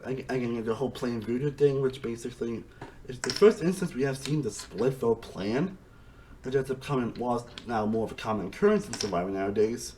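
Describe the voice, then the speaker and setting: A man giving a casual, rambling review monologue, excitable, with frequent restarts and swearing. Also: medium pitch, fairly quick, a little hiss or hum, poor audio. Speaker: reality TV reviewer.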